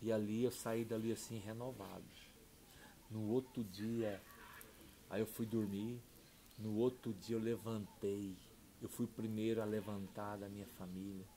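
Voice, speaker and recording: A middle-aged man, a pastor telling a heartfelt personal testimony, dropping soft and low then rising loud and excited. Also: measured pace. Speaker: pastor and podcast guest.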